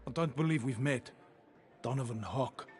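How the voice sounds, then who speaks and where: An actor playing a smug male crime lord with a South African accent, smooth and condescending in a video game. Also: medium pitch, normal speed, slight background noise, close to an everyday voice. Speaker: villain in a game.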